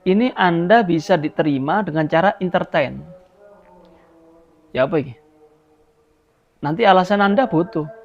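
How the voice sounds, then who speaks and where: High-voiced Javanese-accented preacher, animated. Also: male voice, moderate pace, pauses often. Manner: lively, mixes in local phrases, acts out quoted voices. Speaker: Islamic preacher. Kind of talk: religious sermon. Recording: dull lo-fi live stream audio.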